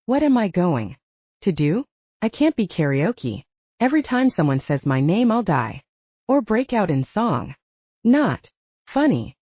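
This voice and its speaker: A woman's voice: on the low side, very animated, measured pace, a little mellow, breathy edge, no room sound, highs cut off, exaggerated voice. A woman narrator voicing a distraught young bride who is crying and hiccuping through her complaints. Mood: despairing. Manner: wailing, exasperated complaints.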